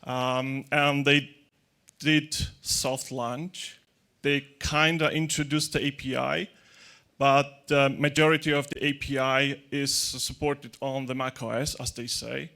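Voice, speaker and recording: Slow and gravelly yet bright and forceful, this man's medium-pitched voice barely moves in pitch. He's a chatty, joking tech conference speaker using a handheld mic in a large, dark hall with a crowd, given to hesitant restarts and non-native grammar.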